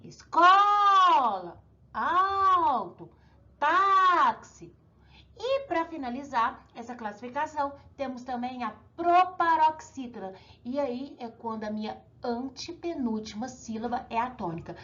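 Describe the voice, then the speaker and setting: A woman's voice: sits high, muffled recording. A Brazilian woman teaching young pupils, drawing out example words and checking in with them often. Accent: Brazilian Portuguese. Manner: sing-song, drawn-out words, many check-ins. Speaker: primary school teacher. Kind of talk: recorded classroom lesson for children.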